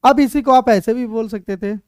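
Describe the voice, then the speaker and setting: A man's voice: very high-pitched, normal speed, a little mellow, clear, resonant tone, no echo, studio quality. A man teaching English grammar, asking and answering his own questions and repeating points with joking asides. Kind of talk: spoken English lesson in Hindi. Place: classroom board lesson video.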